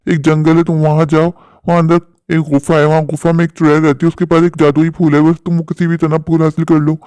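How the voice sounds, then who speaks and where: A man voicing a kindly older man in a cartoon, speaking gently and giving advice. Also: a little high, flat delivery, a little fast, clear, resonant tone, dry recording, close to an everyday voice. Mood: gentle. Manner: gentle, advising. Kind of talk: cartoon voice acting.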